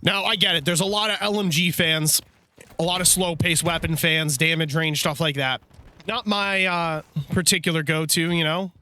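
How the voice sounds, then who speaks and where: Male gameplay commentator, high and bright, sarcastic chatty delivery. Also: steady tone, normal speed, slight background noise. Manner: sarcastic, talkative. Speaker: gaming channel host.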